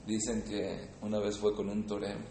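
A man's voice: on the low side, monotone, normal speed, vocal fry. Guy giving a torah class, tells stories, repeats words to hammer them home, echoey room w faint hum behind. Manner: emphatic, repeats words for effect, loudness swings. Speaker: rabbi teaching a class. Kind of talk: Torah lesson with storytelling. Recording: roomy echo with faint ambience.

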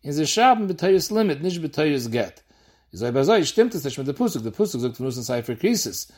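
A man giving a Talmud lesson, explaining the text in a quick, lively sing-song study chant. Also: a little high. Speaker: Talmud teacher.

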